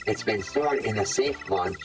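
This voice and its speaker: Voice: mid-range voice, moderate pace, over music, pitched below the performer's own voice. A streamer voicing a robot museum guide through a voice changer, with a clangy, stiff and repetitive robotic delivery. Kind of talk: game voice reading.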